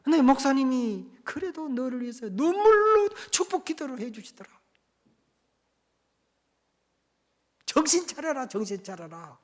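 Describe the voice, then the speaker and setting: A man voicing a stern older church deaconess who scolds someone over the phone, in a rising, forceful way. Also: very high voice, big pitch swings, normal speed, voice pushed up. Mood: scolding.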